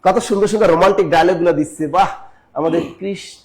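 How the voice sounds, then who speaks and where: A man's voice: high voice, quick pace. A man from Barishal, Bangladesh, teaching a live exam-prep class. He repeats key points and keeps asking his listeners questions. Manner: repetitive, drilling, asks the audience questions.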